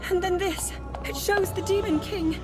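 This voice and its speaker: A young princess in a game, high soft breathy voice, earnest and bookish, music in the back. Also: female voice, steady tone, moderate pace. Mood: studious wonder. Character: young princess scholar, gentle, earnest, eagerly curious. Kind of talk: video game cutscene voice acting.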